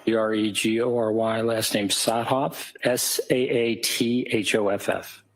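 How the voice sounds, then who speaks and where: A man giving formal testimony in a courtroom as an expert witness, answering carefully and haltingly. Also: lowish voice, fairly even intonation, a little hiss or hum. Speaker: expert witness, psychiatrist and professor.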